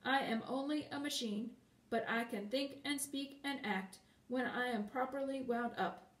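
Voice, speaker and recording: A woman's voice: a little high, a little slow, a bit bright. A woman doing a harsh metallic clockwork man. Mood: matter-of-fact. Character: clanking copper clockwork man, polite, literal-minded. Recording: roomy and distant.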